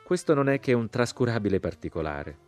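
A man's voice: mid-range voice, big pitch swings, darkish tone, faint music behind, pitched above the performer's own voice, close to an everyday voice. A man reading as an ironic old nobleman. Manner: dry, ironic, unhurried. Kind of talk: audiobook reading.

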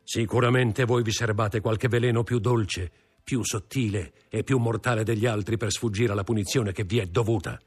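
A man's voice: on the low side, fairly even intonation, normal speed, breathy edge, voice pushed up. A man reading an audiobook, voicing a stern magistrate who coldly accuses his wife. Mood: cold accusing. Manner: cold, accusing, contemptuous.

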